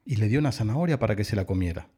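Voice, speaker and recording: A man reading a children's story aloud, slowly and with gentle expression. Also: fairly low pitch, animated, husky.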